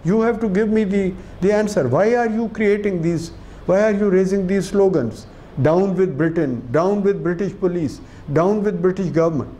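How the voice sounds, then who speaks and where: A man's voice: moderate pace, dark tone, a little hiss or hum, natural voice. A man voicing an indignant young British woman, protesting in a raised voice. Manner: high, protesting, questioning.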